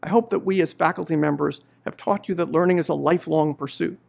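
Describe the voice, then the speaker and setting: Gravelly man giving a formal address. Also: on the high side, a little mellow. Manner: measured, earnest speech. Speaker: law professor giving faculty greetings. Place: indoor studio before a university banner.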